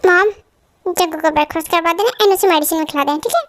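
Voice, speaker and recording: A high voice doing a curt, cold young man. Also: quick pace, a bit bright. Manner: curt, commanding. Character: cold, short-tempered older young man. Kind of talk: fan dub drama acting.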